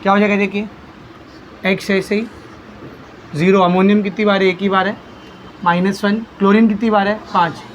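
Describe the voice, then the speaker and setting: A man's voice: sits high, flat delivery, moderate pace, pauses often, highs cut off, a little hiss or hum. A male chemistry teacher, lecturing a class, asking questions and answering them himself, calling students "beta". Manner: quizzes students, answers his own questions; calls students beta, coaxing.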